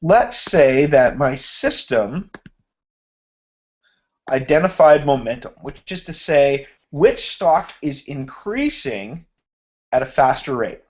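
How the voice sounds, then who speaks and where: A man with a fairly high pitch, very animated, leads an online finance class, screen-sharing a spreadsheet and slowly thinking aloud as he formats cells. He is losing his voice and clears his throat. His computer mic on the video hangout produces a muffled recording.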